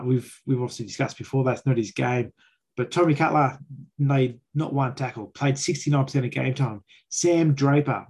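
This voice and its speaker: A husky-voiced Australian man speaks at a medium pitch as the host of a fan sports show. His delivery is colloquial and opinionated, with critical, emphatic points. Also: darkish tone.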